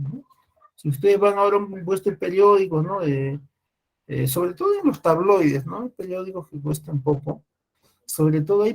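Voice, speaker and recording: Guy teaching a class, kinda high voice, keeps checking everyone's following. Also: a little mellow. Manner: explains with frequent "¿no?" and "¿ya?" checks, restarts. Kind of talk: classroom lecture.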